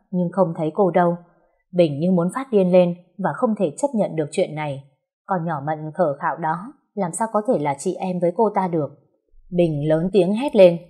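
A woman's voice: fairly low pitch, mellow, slightly rough. A woman narrating a dramatic story in a scripted way.

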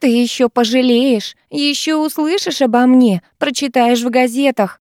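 A woman's voice: fairly even intonation, moderate pace, a little mellow, dry recording, studio quality, close to an everyday voice. Woman doing a whiny grasping widow. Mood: threatening. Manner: whining, self-pitying, shrill.

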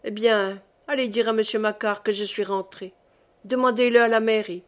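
A woman's voice: mid-range voice, fairly even intonation, normal speed, natural voice. A woman reading the part of a pompous, sullen provincial husband with a curt, condescending manner, for an audiobook.

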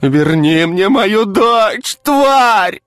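A man voicing a deranged middle-aged village woman who snarls and screams in a shrill, frantic voice. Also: big pitch swings, brisk, a bit bright, no echo, faint music behind. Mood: shrieking.

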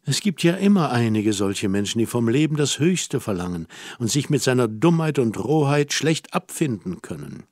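A man reading the part of a worldly, teasing young woman in an audiobook, gentle and lightly mocking. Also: mid-range voice, sing-song, moderate pace, hardly any pauses, dry recording, studio quality.

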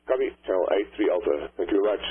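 A yacht crew member reporting an incident to the coast guard over a marine VHF radio, calm and plain in his radio procedure. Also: deep voice, racing, slightly rough. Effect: marine VHF radio transmission. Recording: narrow-band marine radio.

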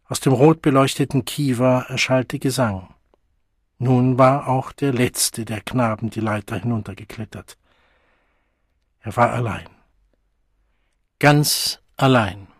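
A man narrating a novel as an audiobook in a measured, dramatic storytelling manner. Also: mid-range voice, husky, no echo, clean studio sound. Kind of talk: scripted narration.

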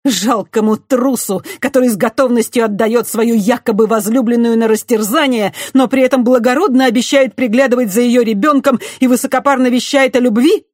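An audiobook reader voicing a proud, defiant condemned witch woman who speaks in shrill, fierce outbursts. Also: a little slow, dark tone, breathy edge, no room sound, clean studio sound. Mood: scornful. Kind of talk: audiobook character voice.

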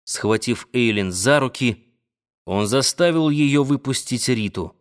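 A man narrating a novel as an audiobook in a measured, dramatic manner. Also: medium pitch, lively intonation. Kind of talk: scripted literary narration.

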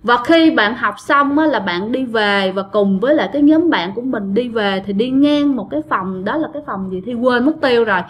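Lady chatting thru listener ghost stories, kinda high voice, lots of fillers, muffled audio. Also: lively intonation, fairly quick, few pauses. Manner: chatty, addresses listeners directly, many fillers. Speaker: ghost story narrator. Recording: dull lo-fi audio.

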